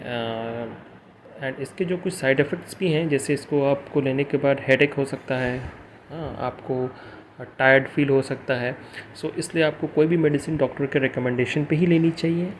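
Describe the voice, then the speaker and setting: A man of middle pitch talks through a medicine review for his channel. He halts often, restarts phrases and mixes English words into Hindi. A faint hiss of background noise sits behind him. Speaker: pharmacy vlogger.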